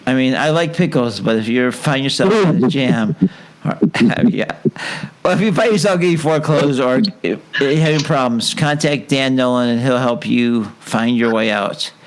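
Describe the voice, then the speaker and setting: A man hosting a relaxed talk show, with a voice of middling pitch. He rambles and jokes, trailing off mid-sentence and starting over. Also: normal speed. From Chicago. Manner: rambling, jokey, trails off and restarts. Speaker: show host. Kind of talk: casual chat.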